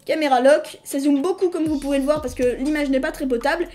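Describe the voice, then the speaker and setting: A high-pitched, fast-talking woman hosts a casual software tutorial recorded from her screen. She's chatty and hesitant, often restarting sentences and apologizing to viewers now and then.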